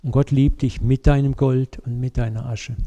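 A man preaching a sermon, telling a story with lively, vivid asides and speaking directly to his congregation. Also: mid-range voice, moderate pace.

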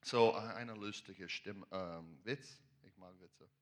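A male pastor preaching with enthusiasm and telling a joke. He talks haltingly, searching for words and sometimes slipping into English. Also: sits low. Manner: enthusiastic, fervent. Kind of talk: sermon with a joke. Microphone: handheld or stand microphone.

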